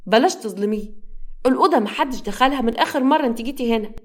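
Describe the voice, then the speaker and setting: Woman doing an older egyptian mom scolding her daughter, quick. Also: a little high, darkish tone, voice pushed up, lightly acted. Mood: reproachful. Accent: Egyptian Arabic. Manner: reproachful.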